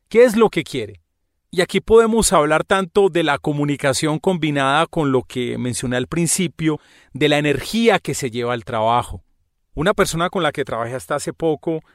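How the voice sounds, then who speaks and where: A man's voice: a little high, no room sound, clean studio sound. A man talking through a podcast monologue in a conversational, explaining way. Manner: conversational, explaining with everyday examples. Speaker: podcast host.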